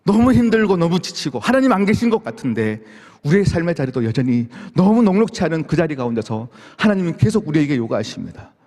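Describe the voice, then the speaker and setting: A man's voice: on the high side, very animated, quick pace, darkish tone. A man preaching as pastor at a dawn prayer service, acting out heartfelt questions to God in the first person. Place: church sanctuary. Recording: long hall reverb from the sanctuary.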